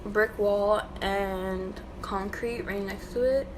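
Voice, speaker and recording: Talking slowly in a steady, mid-range voice, this young makeup vlogger has a slight lisp caused by a fresh tongue piercing. She keeps things casual as she works through a makeup tutorial in her small bedroom at home, where the audio is noticeably noisy.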